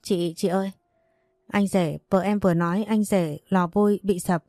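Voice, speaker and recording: A woman voicing a protective, excitable younger brother who presses with worried questions. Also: mid-range voice, normal speed, dry recording, studio quality, close to an everyday voice.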